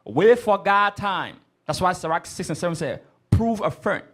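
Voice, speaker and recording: A man's voice: high-pitched, expressive, moderate pace, fairly bright tone. A man leading a scripture class, speaking emphatically and often stopping to prompt the reader. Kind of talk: street-corner style Bible class teaching.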